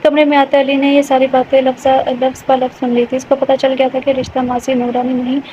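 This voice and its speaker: High-voiced woman reading a romance novel. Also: completely flat delivery, mellow. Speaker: audio novel narrator. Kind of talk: scripted romance novel narration. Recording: dull lo-fi with faint hiss.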